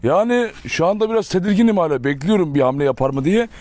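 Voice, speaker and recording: A man's voice: sits high, expressive, quick pace, a little mellow, no room sound. A young man talking casually to his viewers as a dog owner, chatty and direct, breaking off for short firm commands to his dogs outdoors. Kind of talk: casual talk to viewers while handling dogs.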